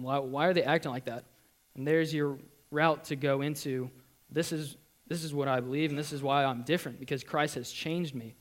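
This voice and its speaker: An earnest young man tells his church testimony in a slightly high voice. He talks in a halting way, full of ums, restarts and repeated words. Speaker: student giving a testimony.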